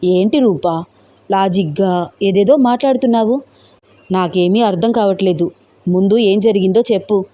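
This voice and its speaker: A woman's voice: medium pitch, normal speed, pauses often, warm tone, close to an everyday voice. A woman voicing a young woman, an anxious friend who keeps pressing with worried questions in a storybook tale. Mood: puzzled.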